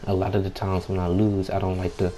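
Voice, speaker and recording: He's a young gaming YouTuber, a young adult whose voice is deep, low, and subdued, with extremely flat, unhurried delivery. His commentary is casual and slangy, peppered with "you know" and constant throat-clearing. The home mic, used late at night with people nearby, captures background noise.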